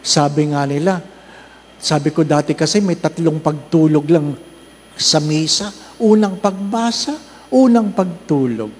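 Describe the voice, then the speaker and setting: A priest preaches to his congregation, mixing slow, emphatic lists with humorous stories and teasing questions to the pews. His voice sits fairly high for a man. The sound carries a long church reverb over a faint hiss. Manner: humorous storytelling, asks the congregation rhetorical questions; slow emphatic listing of works of mercy. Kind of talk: Advent recollection sermon.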